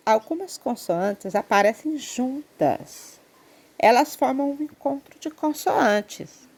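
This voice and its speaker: A woman's voice: on the high side, darkish tone. A woman teacher with a Brazilian accent, patiently explaining a grammar lesson to children and checking in often. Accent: Brazilian Portuguese. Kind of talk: online Portuguese lesson for children.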